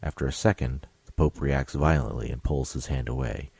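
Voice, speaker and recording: Super deep raspy guy reading out stage directions, matter of fact, no room sound. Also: normal speed, a little mellow, dry recording. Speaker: narrator.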